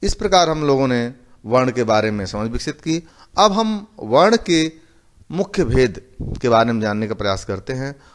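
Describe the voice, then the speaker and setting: A male teacher giving a slow, methodical lecture, repeating each term and explaining it with simple examples. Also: mid-range voice, big pitch swings. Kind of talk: recorded classroom lecture.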